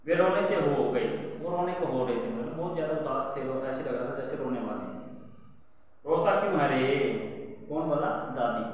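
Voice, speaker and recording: A man's voice: medium pitch, brisk, hardly any pauses. A male teacher reads a textbook story aloud to children, then explains each line in simple words and asks the class questions. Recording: echoey room, voice from far off, faint noise.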